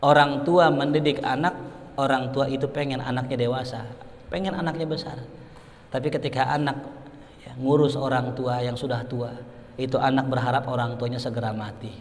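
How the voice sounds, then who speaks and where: A man from Indonesia, giving a storytelling sermon as a preacher that rises into loud, excited passages. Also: medium pitch, normal speed, pauses often. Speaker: Islamic preacher. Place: mosque hall. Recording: reverberant hall.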